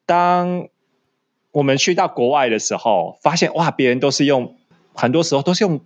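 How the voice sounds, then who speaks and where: A man's voice: on the high side, animated, normal speed. A man with a Taiwanese Mandarin accent talking casually in a conversation. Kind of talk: casual chat.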